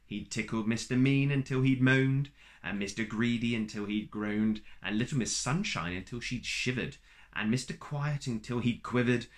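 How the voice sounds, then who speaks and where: In a medium-pitched voice, a man slowly and playfully reads a children's picture book aloud as if at storytime. He adds small asides directed at his listeners.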